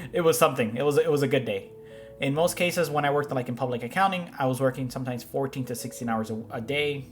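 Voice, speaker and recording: A man in his thirties hosting a reaction show, giving loose, rambling commentary with frequent restarts. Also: mid-range voice. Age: 30s. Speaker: host reacting to finance videos. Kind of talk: casual commentary.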